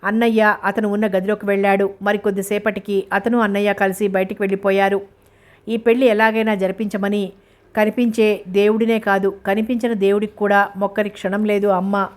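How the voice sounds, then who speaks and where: Woman reading a novel aloud, even tone. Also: mid-range voice, brisk. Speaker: narrator.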